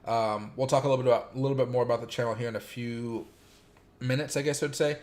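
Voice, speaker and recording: This man hosts an easygoing crypto stream, greeting chat viewers by name and rambling through heavy fillers. Days of streaming have left his mid-range voice a little sore and raspy. His intonation stays fairly even, his tone is darkish, and he talks fast.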